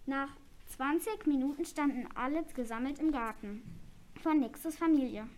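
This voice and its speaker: A woman reading a children's story aloud in a plain, even way. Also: sits high, moderate pace, slight background noise.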